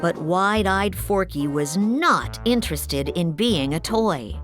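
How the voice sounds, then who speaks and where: A woman narrating a scripted children's storybook in an expressive, carefully paced way. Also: fairly low pitch, slow pace. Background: music.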